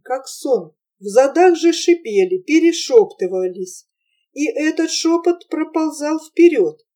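A woman narrating a literary novel as an audiobook in a measured, expressive storytelling manner. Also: a little high, far from the mic.

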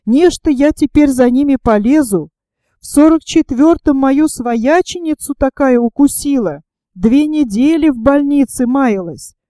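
A woman's voice: high voice, a little slow, warm tone, no echo. A woman reading an audiobook, voicing an elderly female farm worker who grumbles to no one in particular. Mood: grumbling.

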